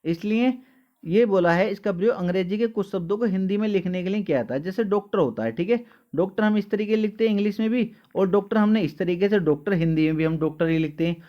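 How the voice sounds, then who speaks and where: A man's voice: high-pitched, fast, muffled recording. A male teacher giving an exam-prep lesson, asking questions and answering them himself, calling the students dear children. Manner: addresses listeners as dear children.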